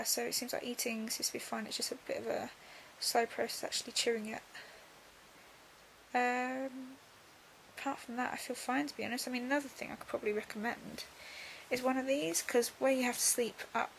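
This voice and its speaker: A young woman talking casually in a video diary, subdued and drowsy as she recovers from surgery, her voice creaky and breaking into breath. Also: fairly high pitch, slight background noise, low-quality recording. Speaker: vlogger.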